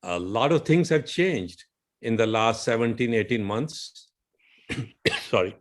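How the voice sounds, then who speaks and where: Slow, measured Indian-accented male doctor. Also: mid-range voice, animated. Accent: Indian English. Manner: slow, measured, citing figures. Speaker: physician guest. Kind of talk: measured interview explanation.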